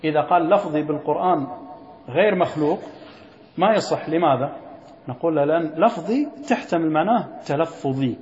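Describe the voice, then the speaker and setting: A man's voice: a little high, a little fast, a little mellow. A man teaching a creed lesson, quizzing his students and repeating key phrases. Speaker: sheikh teaching a creed text. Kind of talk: classroom lesson. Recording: echoey lo-fi hall recording.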